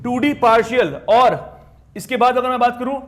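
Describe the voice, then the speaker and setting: High-pitched guy teaching exam maths, punchy and repetitive, bits. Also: moderate pace, a bit bright. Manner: emphatic, repetitive, addresses students directly. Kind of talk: exam-prep lesson.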